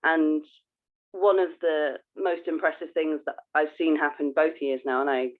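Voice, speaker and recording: Over narrow, phone-like audio, a woman co-hosting a podcast talks casually, explaining things informally and frequently starting her sentences over. She has a low voice, a steady tone, and a normal speed.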